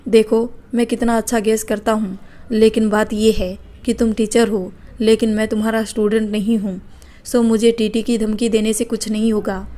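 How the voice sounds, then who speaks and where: A cheeky young man on a train, all teasing jokes and mock outrage, as a woman storyteller reads him. The voice sits fairly high and stays level in pitch. Its tone is soft and mellow. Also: flat delivery, moderate pace, lightly acted. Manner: playful, mocking banter.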